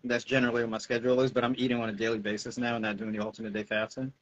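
During a casual Q&A on a video call from a room at home, a middle-aged American fitness coach explains things informally. His medium-pitched voice is rapid-fire and fairly bright with little pitch movement, and the wired-earphone audio sounds dull and muffled.

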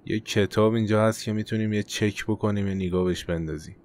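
A man casually commenting on a video game as he plays, chatty and quick to cry out in alarm. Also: lowish voice, steady tone. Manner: chatty, loud exclamations of alarm. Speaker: gaming YouTuber. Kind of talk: casual let's-play commentary.

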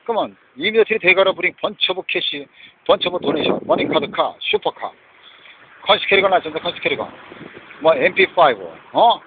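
A man's voice: high voice, lively intonation, brisk. Rambling man in a noisy car. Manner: rambling, switches between Korean and English phrases. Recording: tinny lo-fi with loud vehicle noise.

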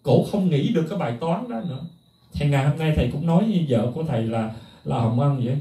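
A middle-aged man, a music teacher, talking casually to viewers in an animated, emphatic way. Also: fairly high pitch, quick pace, far from the mic. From Vietnam. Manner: animated, emphatic, mimics others in a raised voice. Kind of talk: casual spoken talk to viewers. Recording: echoey room, voice from off the mic.

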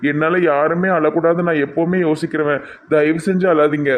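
A man's voice: a little high, steady tone, normal speed. A man in a comedy skit who pleads and apologizes to a woman. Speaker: comic suitor in a skit.

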